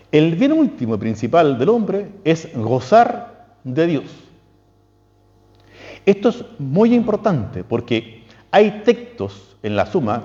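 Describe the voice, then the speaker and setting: Lively Chilean priest in a reverberant hall. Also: male voice, dull audio. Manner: lively, questioning, quotes texts with emphatic pitch leaps. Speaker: priest giving a talk. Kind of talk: spiritual lecture.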